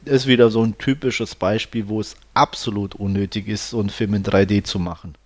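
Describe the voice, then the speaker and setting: A man's voice: on the low side, steady tone, brisk. A man chatting casually in a film review podcast, talking freely with many fillers and restarts. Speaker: podcast host reviewing films.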